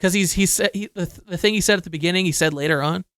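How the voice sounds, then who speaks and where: A man in his thirties, co-hosting a podcast in casual chat, telling stories quickly and animatedly. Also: high-pitched, fairly bright tone, clear, resonant tone. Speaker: podcast co-host.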